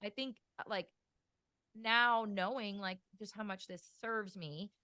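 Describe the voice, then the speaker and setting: A woman's voice: medium pitch, steady tone, a little slow, bright, forceful tone, no echo. Chatty woman host, dry close sound. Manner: chatty, lots of "like", laughs easily. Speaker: podcast host. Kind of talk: casual podcast chat.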